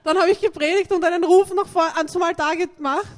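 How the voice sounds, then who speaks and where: A woman's voice: very high voice, steady tone, fairly quick. A woman interpreting a sermon live, phrase by phrase, and copying the preacher's sound effects.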